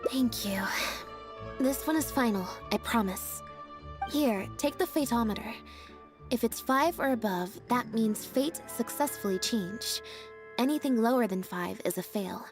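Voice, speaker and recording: Over music, an actress voices a stage magician's assistant in a video game as a calm young woman with a flat, deadpan, drily matter-of-fact manner. Her pitch is on the high side and her pace measured.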